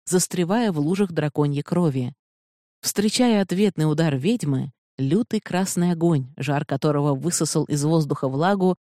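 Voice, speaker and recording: An audiobook narrator reading a fantasy novel in a measured, steady way, close to the mic. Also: medium pitch, no echo.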